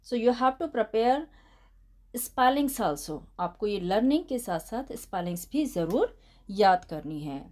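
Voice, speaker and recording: A woman teacher with an Indian accent explaining a children's lesson, dictating English slowly and explaining quickly in Hindi, spelling words letter by letter and addressing the children as 'beta'. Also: mid-range voice, animated, a little mellow. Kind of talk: bilingual classroom lesson explaining answers.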